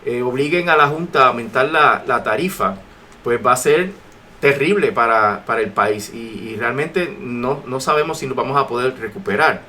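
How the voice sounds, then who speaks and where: A man from Puerto Rico, with a Puerto Rican accent, offers emphatic political commentary as a talk radio guest, repeating phrases for weight. His mid-range voice is pushed and bright at normal speed, on a noisy AM radio recording.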